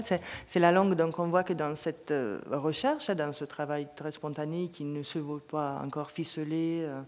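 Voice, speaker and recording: A woman's voice: low voice, darkish tone. A woman moderating a panel, searching for her words and restarting as she frames her questions. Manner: searching, restarts often while framing questions. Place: conference hall. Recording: reverberant lecture hall.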